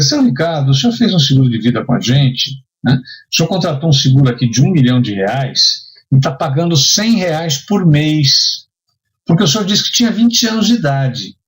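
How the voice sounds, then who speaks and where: An insurance and risk management instructor with a Brazilian accent delivers a conversational lecture built on hypothetical examples. His voice sits on the high side and is expressive, moving at a normal pace, though the recording is rough. He teaches didactically, posing rhetorical questions and checking in with listeners often.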